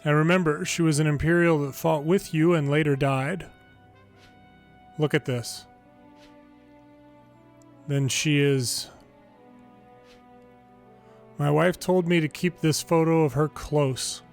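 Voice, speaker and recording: A man with a slightly high voice and fairly even intonation reads game story text slowly, leaving long pauses. He narrates like an amateur longplayer, adding casual asides, with game music playing beneath him.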